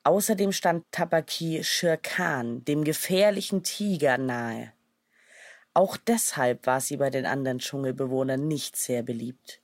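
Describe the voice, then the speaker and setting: A woman narrating a children's storybook in a calm, measured way. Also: extremely low pitch, no room sound, clean studio sound.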